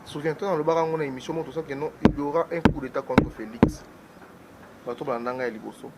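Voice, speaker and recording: A man giving political commentary as a guest on a talk show, talking in an animated way and switching between French and Lingala. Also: fairly high pitch, quick pace, heavy background noise.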